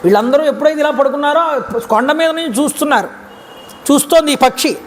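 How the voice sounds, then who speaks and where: A man's voice: very high-pitched, quick pace. Telugu-accented man, devotional storyteller, temple grounds, reverberant hall, faint background noise. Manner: retells the epic with acted quotes of its characters. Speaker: Ramayana discourse speaker.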